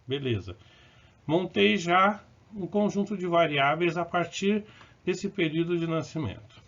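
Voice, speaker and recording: Speaking a little slowly in a fairly high, fairly bright voice, a man walks viewers through math problems in a recorded lesson. He explains each step, corrects himself as needed, and adds short check-ins, all captured in a dull, lo-fi recording.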